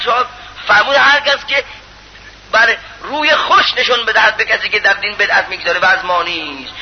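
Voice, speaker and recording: A man preaching a sermon in an impassioned, pleading way, swinging between loud appeals and hushed lines. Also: extremely high pitch. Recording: muffled lo-fi recording with faint hiss.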